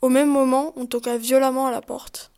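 A woman narrates a story aloud and announces each chapter. Her voice is high and stays flat and even, with little rise or fall. The reading is plain and steady. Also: normal speed, heavy background noise.

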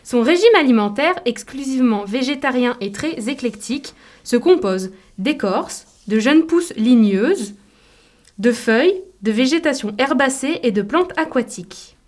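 A woman's voice: sits high, expressive, a little slow. A woman co-presenting a nature radio programme, reading scripted, informative narration.

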